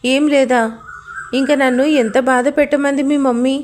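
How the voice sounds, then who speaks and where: A woman's voice: high-pitched, flat delivery, moderate pace, lightly acted. A woman reading the lines of a hurt, fiery young woman in a love story, talking sharply and accusingly.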